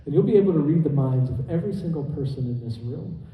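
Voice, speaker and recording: A man's voice: a little high, animated, quick pace, highs cut off. A man hosting a live comedy hypnosis show on stage, giving the audience and participants repeated, simple instructions. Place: indoor conference hall stage. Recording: echoey hall PA, heard from far off.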